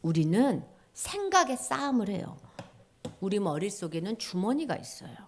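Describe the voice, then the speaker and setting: A woman giving a children's sermon at church, telling the story with animated voices and dramatic shifts. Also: mid-range voice, moderate pace.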